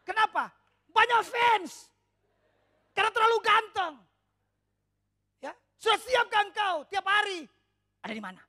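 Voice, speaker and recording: A woman pastor preaching a sermon with lots of drama, acting out shouted quotes from congregants and disciples. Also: extremely high pitch.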